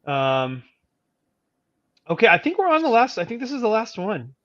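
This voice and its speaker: A man's voice: sits high, wildly swooping pitch, moderate pace, a bit bright, no room sound. A man hosting a livestream with casual chat, heard through slightly muffled audio. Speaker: live show host.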